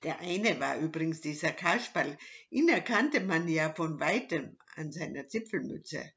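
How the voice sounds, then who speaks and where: A woman reading a children's story aloud with dramatic, lively delivery. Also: low voice, a little slow. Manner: lively, dramatic rises in tension. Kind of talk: expressive audiobook reading. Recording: dull lo-fi sound.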